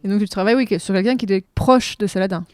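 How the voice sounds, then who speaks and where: Podcast host, woman, fast and warm-toned, casual interviewer with quick jokes. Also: mid-range voice, clean tone, no echo. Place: research institute room.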